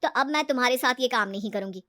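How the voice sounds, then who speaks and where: Give me a woman playing a loud, coaxing, scheming false friend. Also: on the high side, fast.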